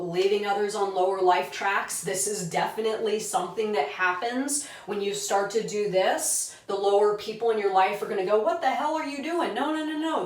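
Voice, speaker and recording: A woman giving an earnest, coaching self-help talk, checking in with her listeners and acting out inner voices. Her voice bounces around a roomy space. She sounds set back from the mic. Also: medium pitch. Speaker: self-help video host. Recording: roomy echo, mic at a distance.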